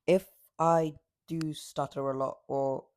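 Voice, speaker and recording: This man's voice is on the high side with little pitch movement, and he takes his time. Filming late at night has left it a bit raspy as he gives cocky, trash-talking, rambling commentary over a mobile game.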